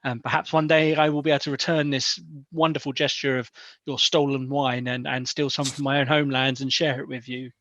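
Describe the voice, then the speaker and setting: A man's voice: mid-range voice, level tone, a little fast, a bit bright, dry recording, close to an everyday voice. A man playing a courteous, diplomatic elf in improvised tabletop role-play, speaking with polite, formal persuasion. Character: courteous, diplomatic male elf, smooth-talking negotiator. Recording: dull, lo-fi close audio.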